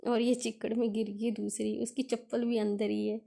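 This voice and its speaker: A woman's voice: a little high, little pitch movement, normal speed, gravelly, dark tone. A young woman narrating her family day as a casual vlog, telling it in a chatty, homely way. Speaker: vlogger.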